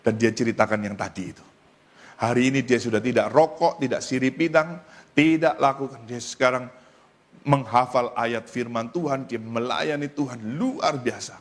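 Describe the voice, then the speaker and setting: Speaking at a normal speed, an Indonesian-accented pastor delivers a story-driven sermon in church. He keeps addressing the congregation directly, his voice leaping between loud high cries and hushed low asides.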